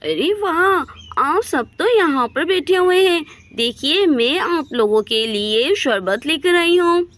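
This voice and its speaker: A woman's voice: high voice, lively intonation, takes it slowly, a bit bright, voice pushed up, exaggerated voice. A woman voicing a cheerful, obliging young village woman in a doll story. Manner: chirpy, obliging.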